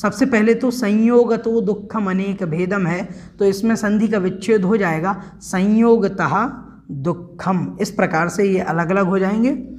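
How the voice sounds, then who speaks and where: A man with a high voice teaches a scripture lesson at an unhurried pace. He explains each verse patiently and repeats key words several times so students can pronounce them. His delivery is steady and instructive. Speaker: religious teacher. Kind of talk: scripture class; chanted Sanskrit verse recitation. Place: home, online class recording.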